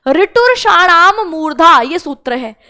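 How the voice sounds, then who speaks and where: Young female exam-prep teacher, high-pitched and unhurried, drills mnemonics for students to repeat. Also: animated, pushed and bright. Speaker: Sanskrit teacher.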